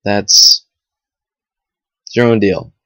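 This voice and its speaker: A man's voice: fairly low pitch, a little slow, no room sound. A young man talking casually to camera, rambling and chatty with lots of fillers and restarts. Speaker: vlogger. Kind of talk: casual motivational talk to camera. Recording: dull lo-fi home webcam audio.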